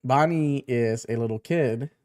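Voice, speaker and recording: Man reading a comic aloud, dark voice. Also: mid-range voice, a little slow, no room sound. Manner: acts out the characters' lines while reading. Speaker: manga reactor.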